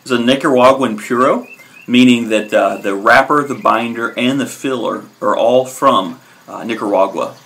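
Man, thirties, medium pitch, casual video review, relaxed, pausing often, camera at arm's length. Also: creaky. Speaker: cigar reviewer, host.

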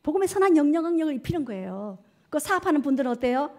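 Woman, pastor, high voice, middle-aged, church sermon, asks and answers questions. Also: big pitch swings, very fast, darkish tone. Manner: call-and-response questions to the congregation. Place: church sanctuary.

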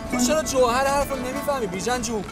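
An actor playing a pushy, ambitious young man who insistently and teasingly coaxes his friend, with a music score underneath. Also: very high-pitched. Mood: coaxing. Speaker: scheming friend. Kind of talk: period TV drama acting.

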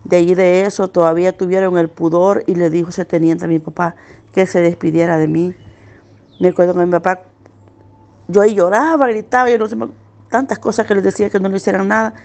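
A middle-aged woman gives earnest, pained personal testimony as a witness, slowing down at the hardest parts. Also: lowish voice, fairly even intonation, darkish tone. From El Salvador. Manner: earnest, pained recounting, slowing at hard moments.

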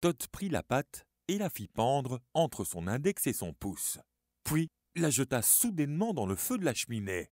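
Expressive male story narrator. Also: mid-range voice, unhurried, dry recording, clean studio sound. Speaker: audiobook narrator.

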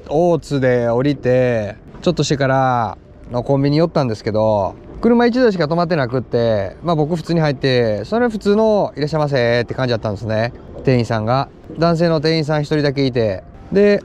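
A young man with a Kansai accent chatting excitedly while fishing outdoors on a lake, with quick exclamations. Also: medium pitch, slight background noise. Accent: Kansai Japanese. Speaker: fishing vlogger. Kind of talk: casual commentary while fishing.

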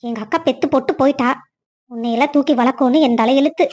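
A woman's voice: high-pitched, quick pace, a little mellow. A woman voicing a harsh, spiteful cartoon stepmother. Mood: scornful. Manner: harsh, taunting, bossy. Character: scolding, spiteful stepmother, middle-aged. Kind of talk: cartoon story voice acting.

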